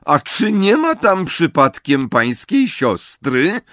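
A man's voice: on the high side, sing-song, slow pace, a bit bright, no echo, clean studio sound, pitched above the performer's own voice, full character voice. A male audiobook reader voicing a stern, older female professor with a cold, clipped, impatient manner. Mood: icy. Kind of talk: audiobook character reading.

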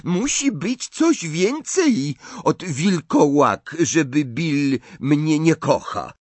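A man's voice: a little high, very animated, drawn-out words, a little mellow, dry recording, pitched above the performer's own voice, exaggerated voice. A man voicing Fleur, a fiery young bride. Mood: indignant. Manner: broken grammar, indignant emphasis. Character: proud young foreign bride, fiery, defiant.

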